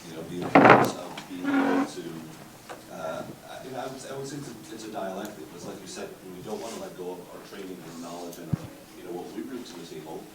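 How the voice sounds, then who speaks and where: A very deep-voiced man speaks on a therapy panel, hesitating and restarting often with plenty of fillers. He is picked up from a distance in a conference room that echoes, with clear background noise behind him. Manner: halting, many fillers and restarts. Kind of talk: panel discussion answer.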